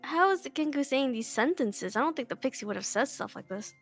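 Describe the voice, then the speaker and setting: A woman's voice: high-pitched, lively intonation, brisk, faint music behind. A woman chatting casually as a player in a tabletop role-playing game.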